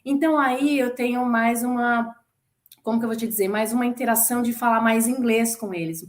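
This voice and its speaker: A Brazilian woman in her forties with a Brazilian Portuguese accent talks in a relaxed interview. She tells anecdotes briskly and acts out the voices of people she quotes. Her voice sits a little higher than most women's. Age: 40s. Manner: lively storyteller who acts out quoted voices. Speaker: former flight attendant telling her story. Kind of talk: casual chat interview.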